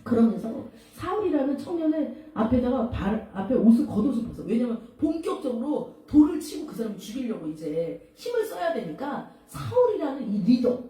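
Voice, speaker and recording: A woman preaches a sermon in a church, telling the story with lively swings of pitch and often asking her listeners questions. Her voice sits a bit high but sounds mellow. The mic is some way off, and the hall makes her voice ring with strong echo. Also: normal speed, hardly any pauses. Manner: animated storytelling with rhetorical questions. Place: church sanctuary. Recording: very echoey hall, mic far off.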